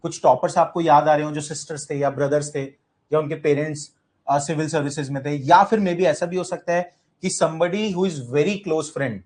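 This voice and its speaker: A man's voice: a little high, normal speed, darkish tone. A man with an Indian accent giving an orientation talk to exam students in a classroom, mixing Hindi and English and asking the class questions. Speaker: UPSC coaching teacher.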